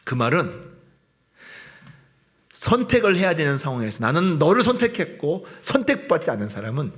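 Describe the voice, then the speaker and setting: 교회에서 설교하는 남자 목사로, 힘주어 강조하다가 속삭이듯 낮추며 표현력 있게 말한다. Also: male voice, fairly high pitch, normal speed. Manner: expressive, swings from loud emphasis to soft whispered asides. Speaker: pastor. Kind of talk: sermon. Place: church.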